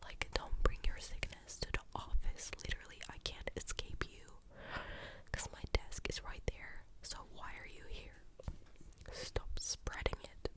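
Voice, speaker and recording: A young adult woman whispers a rambling, informal ASMR storytime close to the ear in a breathy, clicky, unvoiced whisper with a mildly exasperated manner. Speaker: ASMR creator telling stories. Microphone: close ASMR stereo mic at the ear.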